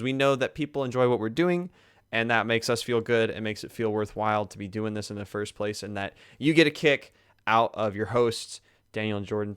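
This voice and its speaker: A man with a smooth, resonant voice co-hosts a relaxed gaming podcast. He talks casually and laughs often, and his tone turns earnest when he thanks listeners. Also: lowish voice. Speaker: podcast co-host.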